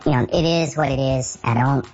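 A secret guest's voice disguised through pitch shifting to sound very deep, speaking offhand and matter-of-fact in a short clip played on the radio. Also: fairly quick, darkish tone, dull audio, faint music behind. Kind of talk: short pre-recorded clip of casual talk.

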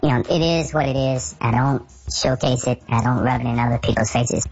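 A secret guest's voice disguised through pitch shifting to sound very deep, speaking offhand and matter-of-fact in a short clip played on the radio. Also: fairly even intonation, fairly quick, a little mellow, breathy edge, highs cut off. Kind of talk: short pre-recorded clip of casual talk.

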